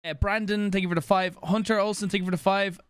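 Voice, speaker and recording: A young man livestreaming from a small home room into a studio mic, reading out donor names and thanking them in a quick, loose patter. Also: high voice, fairly even intonation, clear, resonant tone. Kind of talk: casual stream chat reading donations. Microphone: studio mic on boom, headphones on.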